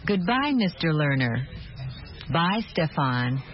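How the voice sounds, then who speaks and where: An actress playing a young female music student in a scripted textbook dialogue, speaking slowly and deliberately. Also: low-pitched, sing-song, full character voice. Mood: calm. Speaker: language course dialogue actor. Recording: dull lo-fi course tape.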